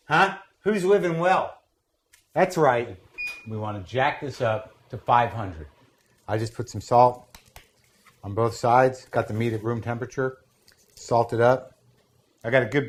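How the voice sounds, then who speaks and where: A man with a mid-range voice hosts a casual cooking demo in a kitchen. He talks bluntly and wanders into rambling, sweary asides. Faint noise and sizzle sit behind his voice. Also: mid-range voice. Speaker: cooking show host.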